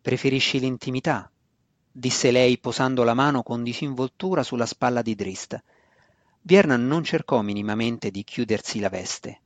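A male narrator reading a fantasy audiobook in a measured, even way. His voice sits at an ordinary middle pitch, recorded close and dry with no room sound. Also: no room sound.

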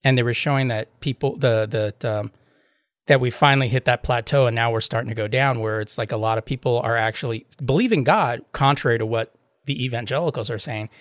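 A man's voice: mid-range voice, brisk, dry recording, studio quality. A man chatting casually as a podcast host, telling anecdotes in a rambling way and acting out both sides of retold exchanges. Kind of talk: casual chat, retelling anecdotes.

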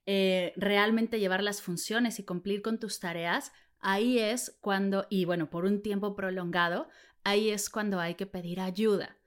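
A woman hosting a podcast interview, summarizing and asking questions in a measured way. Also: medium pitch, fairly even intonation. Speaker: podcast host.

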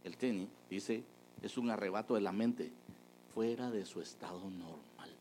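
A man preaching a testimony, telling a story with lively energy and acting out the people he quotes. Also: on the low side, normal speed, slight background noise, poor audio. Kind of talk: sermon testimony.

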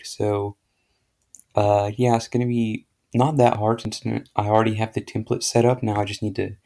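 Young male solo podcaster, low and gravelly, loose rambling delivery. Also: a little mellow. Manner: rambling, filler-heavy, self-correcting. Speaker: podcast host. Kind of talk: casual solo podcast update.

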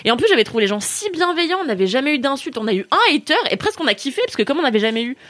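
A young woman co-hosts a relaxed podcast and launches into animated anecdotes. Her pitch sits a little high and swings widely as she acts out what others said. The sound is close and dry, with no room around it. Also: rapid-fire, no room sound. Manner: lively, laughing storyteller, acts out quotes. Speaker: podcast co-host. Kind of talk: casual podcast chat, storytelling.

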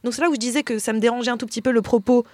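A woman's voice: a little high, steady tone, rapid-fire, darkish tone, dry recording. A woman on a panel recommending a film in casual chat, hesitant with many fillers and restarts.

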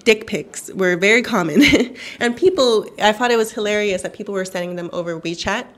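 A woman of Chinese origin whose first language is Cantonese appears as a journalist guest in a radio interview, animated and laughing often. Her voice is mid-range and a little fast.

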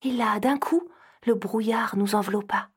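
A woman giving expressive scripted narration for an audio story. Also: medium pitch, moderate pace, husky.

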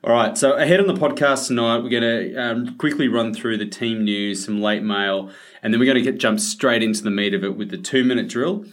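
A man's voice: mid-range voice, fairly even intonation, brisk. An Australian man presenting a sports podcast as host, in a casual conversational style.

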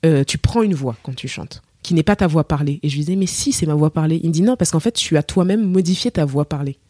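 A Cameroonian singer, appearing as a podcast guest, tells her story in a casual interview and acts out the voices of people she quotes. Her deep, mellow voice moves at a quick pace, captured in a dry, clean studio recording.

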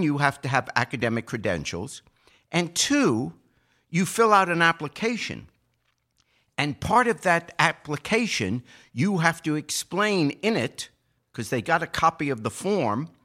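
Fairly high-pitched, with a pushed, bright sound, this man co-hosts a political podcast. He argues his points with emphasis and deliberate wording.

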